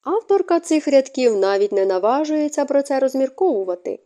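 A woman narrates a novel in a scripted, expressive storytelling style. Her voice sits somewhat high and swings widely in pitch, with a warm, mellow tone. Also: fairly quick. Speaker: audiobook narrator.

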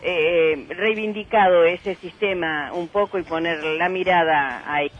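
A woman's voice: on the low side, a little slow, highs cut off. A woman calling in a listener message, polite and hesitant. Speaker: listener caller.

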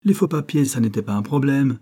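Guy doing a blunt angry old pal, dark husky voice, scolding hard. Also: mid-range voice, expressive, a little fast, voice pushed up. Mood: indignant. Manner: scolding, heated and accusing. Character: Léopold, old friend, blunt and indignant man. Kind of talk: audiobook reading.

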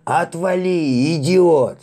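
A man's voice: a little high, takes it slowly, warm tone, pitched above the performer's own voice. A man voicing panicked superstitious sailors who scream in terror over the radio. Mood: hysterical.

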